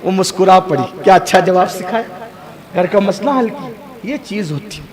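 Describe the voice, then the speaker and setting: Man preaching with a very high, fervent delivery; live sermon with an audible crowd behind him. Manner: fervent, rises to high emphatic peaks, rhetorical asides to the audience. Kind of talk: impassioned sermon.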